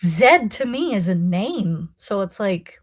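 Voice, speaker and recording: An American woman in her thirties hosting a casual podcast, telling animated stories, swearing and laughing a lot. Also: mid-range voice, takes it slowly. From United States. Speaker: podcast host. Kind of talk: casual chat.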